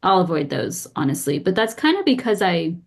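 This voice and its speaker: Woman, podcast co-host, lowish voice, chatty, laughs a lot, casual. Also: very animated, fairly quick. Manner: chatty, laughs often, many "like" fillers. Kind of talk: casual chat.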